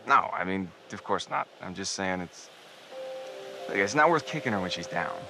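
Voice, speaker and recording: A man's voice: deep voice, lively intonation, normal speed, music in the background. An actor playing a playful young man who jokes around to impress his date, in video game dialogue. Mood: joking. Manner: playful and joking. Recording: game audio with loud ambient noise.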